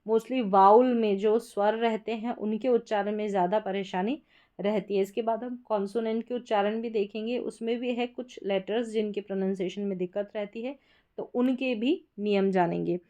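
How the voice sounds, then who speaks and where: A woman's voice: medium pitch, fairly even intonation, moderate pace, warm tone. A woman with an Indian accent teaching English pronunciation, explaining rules patiently and reading word lists aloud one word at a time. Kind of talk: explaining lesson.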